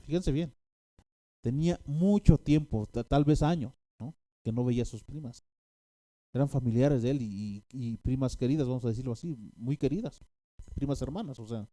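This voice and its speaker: A man's voice: mid-range voice, normal speed, mellow, dry recording. A man preaching a sermon, telling a story with many restarts and fillers and bursts of animation.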